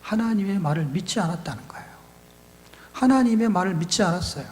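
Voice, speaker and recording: A man's voice: high-pitched, expressive, fast, darkish tone, big-room sound. A male pastor preaching at a youth retreat, explaining scripture in a conversational way, repeating key words and asking the audience questions. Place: church hall.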